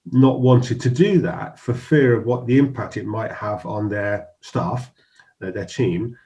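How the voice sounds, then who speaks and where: Friendly yet halting, a middle-aged business talk show host questions his guest, often restarting and filling gaps. He has a lowish, darkish voice.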